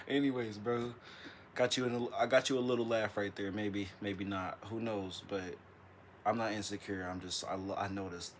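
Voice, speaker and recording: A man with a slightly low voice rambles through a late-night vlog, stammering, restarting and calling the viewer "bro" again and again. He records in a dark room straight into an iPad's built-in mic, with faint ambient noise behind him. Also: steady tone, moderate pace. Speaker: vlogger. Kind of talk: casual late-night monologue. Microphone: iPad built-in mic.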